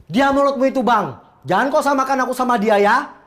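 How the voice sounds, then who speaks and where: A woman with a Medan accent playing a sharp-tongued, bossy middle-aged woman who scolds and complains bluntly. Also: sits high, brisk. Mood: irritated. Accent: Medan Indonesian. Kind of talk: comedy web drama acting.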